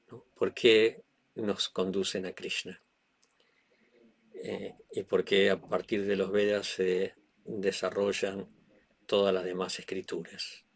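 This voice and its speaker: A man with a very low voice leads a class at an unhurried pace. He speaks in a flat, even tone and pauses often. He fills the gaps with hesitant fillers as he works through his points. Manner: slow, hesitant, many fillers. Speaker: teacher. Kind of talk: class talk.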